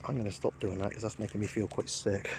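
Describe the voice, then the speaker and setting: Outdoors near the water, a man holds his phone and live-streams, chatting casually and teasing himself with cheeky jokes for his viewers. He speaks fairly quickly in a fairly low, steady voice. A little hiss or hum sits under the audio.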